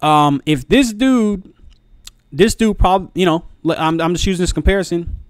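Halting, casual man on a dry mic. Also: high-pitched, smooth, dry recording. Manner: halting, repeats words. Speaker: video commentator. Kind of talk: casual review commentary. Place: small room at home. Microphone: close desk microphone, headphones on.

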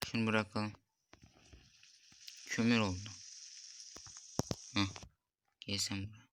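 A man's voice: lowish voice, level tone, slow, background noise. A young man playing a mobile cooking game, muttering to himself, reading recipe steps aloud and getting frustrated with the game. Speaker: gameplay streamer. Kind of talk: casual gameplay commentary.

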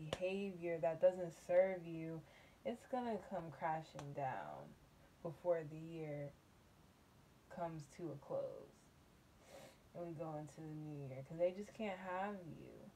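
A woman giving a casual tarot reading, musing and unhurried, humming and laughing softly between thoughts, from a table in a small dim room. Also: on the low side, slight background noise. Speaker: tarot reader.

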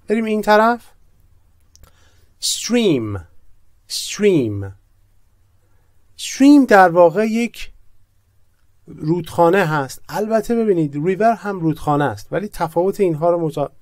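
A man teaching English vocabulary in Persian, saying each word slowly and repeating it before he explains it. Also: a little high, a little mellow, dry recording, clean studio sound. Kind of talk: vocabulary lesson.

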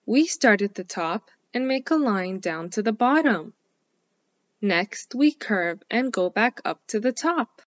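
A woman teaching a scripted phonics lesson for young children, speaking slowly and clearly in an encouraging way. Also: mid-range voice, animated, no echo, lo-fi sound. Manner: slow, clearly enunciated, encouraging.

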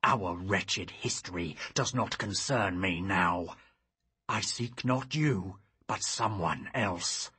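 A man voicing a stern, bearded, deposed king and father with a deep, growling voice, in an audiobook reading. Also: expressive, slow pace, pushed and bright, breathy edge, heavily acted. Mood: grim.

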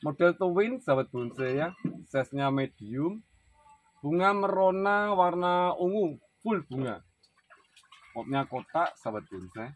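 Guy with javanese indonesian accent, bit high voice, casual salesman host outdoors, repeats stuff. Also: lively intonation, measured pace. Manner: repeats prices and names to the viewers. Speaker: host reviewing bonsai for sale. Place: outdoors in a plant yard.

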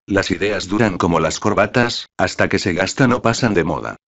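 A man's voice: deep voice, normal speed, a bit bright, muffled recording. Man reading as a smug, ironic young rival. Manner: ironic, lecturing. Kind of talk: audiobook dialogue reading.

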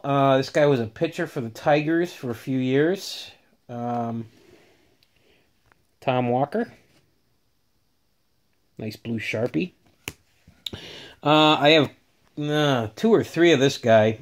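A man casually talking through his autograph collection in a home vlog, rambling with many fillers and restarts, filmed on a handheld phone. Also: mid-range voice. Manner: rambling, filler-heavy, upbeat. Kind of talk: casual show-and-tell vlog.

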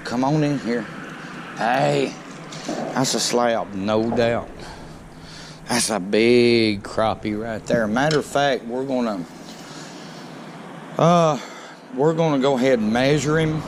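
Middle-aged angler, folksy and excitable, action-cam audio with steady outdoor noise. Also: male voice, medium pitch, slow pace, pauses often. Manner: folksy, excitable when fish bite. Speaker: fishing vlogger. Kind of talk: casual outdoor commentary. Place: small boat on a lake under a bridge, outdoors. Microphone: body-worn action camera.

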